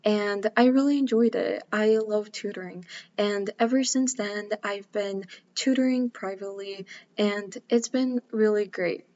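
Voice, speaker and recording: A young woman from Bulgaria talks to the camera about her work as a math tutor. She speaks in an earnest, casual way, often pausing on "um", with a mid-range voice. The sound is a little dull and lo-fi. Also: mid-range voice, darkish tone. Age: 20s. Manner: earnest, with frequent um fillers. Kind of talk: casual self-introduction to camera.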